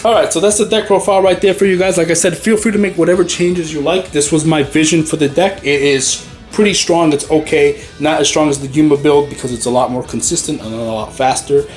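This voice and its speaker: A man talks casually through his card deck in a loose, rambling way, full of uhs and restarts. He sounds a little short of breath. Soft music plays faintly behind him. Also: fairly high pitch, steady tone, fairly quick, hardly any pauses. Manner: rambling, easygoing, many fillers. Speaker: card game channel host.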